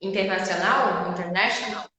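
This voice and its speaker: A woman, interviewing a teacher. She asks curious questions and repeats words when prompted, in a bright, clear voice. The room sounds very echoey, with a long reverb. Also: mid-range voice, normal speed.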